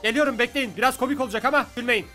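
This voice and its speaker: Gaming YouTuber, male, very high and bright, talks fast, music behind. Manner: playful, excitable, jokey. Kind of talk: game commentary.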